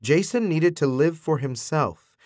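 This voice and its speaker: A man narrates an audiobook in a measured, expressive way. His pitch moves in lively swings across each line. The studio sound is close and dry. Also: no room sound. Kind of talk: scripted narration.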